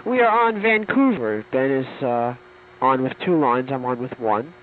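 A man's voice: mid-range voice, lively intonation, unhurried, slight background noise. A man chatting casually on a phone call, heard from an old worn cassette tape, describing the setup offhand with fillers.

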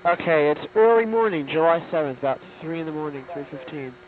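A man's voice: on the high side, animated, fairly quick. A man chatting casually on a phone call, heard from an old worn cassette tape, describing the setup offhand with fillers.

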